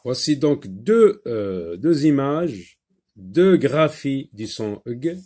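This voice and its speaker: Middle-aged guy teaching phonics to kids, slow and patient, keeps repeating the sounds. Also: medium pitch, very animated, warm tone. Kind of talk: French phonics lesson for children.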